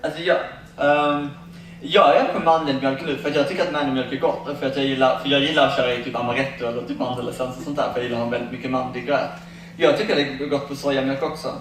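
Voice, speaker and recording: A man's voice: medium pitch, steady tone, a bit bright. A man telling funny stories to a fair audience in a chatty, laughing way, acting out quoted conversations. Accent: Swedish. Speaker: vegan cookbook author giving a talk. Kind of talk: casual storytelling talk at a fair. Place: large echoey fair hall. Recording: very echoey hall, distant mic, audible noise.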